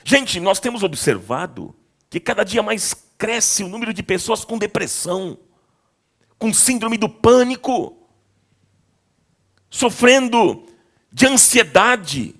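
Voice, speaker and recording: High-voiced pastor preaching a sermon. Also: male voice, sing-song, slow pace, pauses often. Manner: swings between loud exhortation and quiet storytelling. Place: church.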